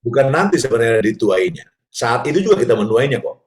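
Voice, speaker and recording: A man telling family stories as a guest on a parenting talk show, animated and acting out scenes, with an Indonesian accent. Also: medium pitch, quick pace. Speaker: guest speaker, father.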